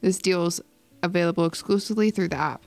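A woman's voice: on the low side, quick pace, gravelly, darkish tone, no echo. A woman co-hosting a podcast, chatting casually in an upbeat, teasing way. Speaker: podcast co-host. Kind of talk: casual chat.

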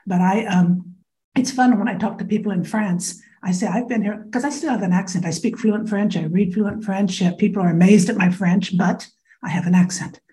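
Speaking at normal speed in a dark-toned, mid-range voice, this Iowa woman in her fifties is a guest in a conversational interview. She is thoughtful and frank, with plenty of small fillers.

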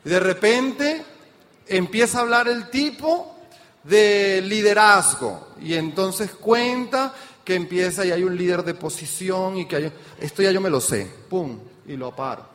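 A man giving an energetic motivational business seminar talk, speaking straight to the audience with rhetorical questions. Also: high voice, unhurried. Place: event hall with an audience. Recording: reverberant hall sound.

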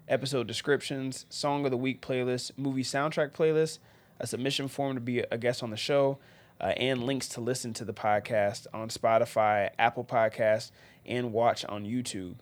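A man's voice: mid-range voice, fairly even intonation, normal speed. A friendly man hosting a podcast in casual chat, his voice nasal and stuffed up from allergies. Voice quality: nasal, congested. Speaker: podcast host.

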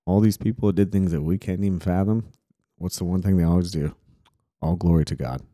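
A man's voice: deep voice, fairly even intonation, fairly quick, mellow, dry recording, clean studio sound. A man, hosting a casual Bible study talk in an earnest, reflective way and acting out quotes. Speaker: podcast host.

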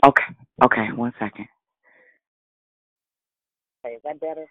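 A man's voice: mid-range voice, unhurried, no room sound. A man leading a prayer call in fervent praise, his voice muffled as if heard through a wall over a phone line.

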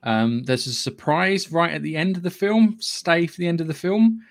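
A man with a British accent hosting a podcast, giving a casual, opinionated film review in a halting, sweary way. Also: fairly high pitch. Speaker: podcast host.

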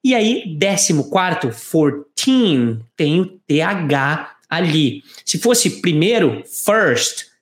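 A woman teaching English through Portuguese, pronouncing each model sentence slowly and carefully so it can be repeated. Her voice sits a little low but moves through a wide, lively melody. The room around her has a noticeable echo. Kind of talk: bilingual language lesson with repetition drills.

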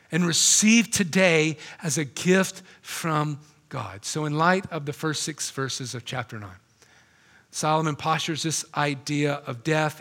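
40ish guy preaching a sermon in a theater, high pitched, earnest, keeps saying right?. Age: 40s. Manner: earnest, animated preaching with frequent "right?" and restarts. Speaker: pastor. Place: theater used as a church.

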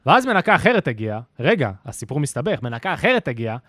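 This podcast co-host has a slightly high, bright, sing-song voice, recorded dry in a studio with no room sound. He's chatting casually, telling a story packed with slang and filler words.

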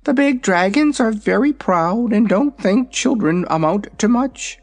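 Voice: mid-range voice, lively intonation, measured pace, pitched above the performer's own voice. A storybook reader voicing a proud, hungry young dragonette in a lofty, matter-of-fact manner. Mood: haughty.

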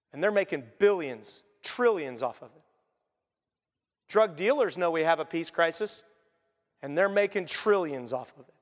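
High-voiced man preaching in a reverberant hall. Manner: earnest, conversational preaching with sudden quiet drops. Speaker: pastor. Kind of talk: sermon.

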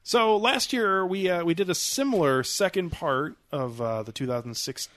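A man's voice: high-pitched, moderate pace, a bit bright, no room sound, clean studio sound. A man hosting a film podcast, talking casually with frequent filler words. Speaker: podcast host.

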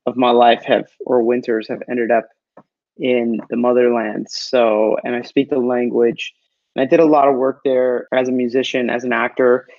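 A man from Los Angeles talking casually as a guest on a podcast, relaxed and chatty, often saying "man" and "like.". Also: medium pitch, moderate pace, no room sound, highs cut off. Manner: laid-back and chatty, says "man" and "like" a lot. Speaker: guest actor and musician. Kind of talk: casual interview chat.

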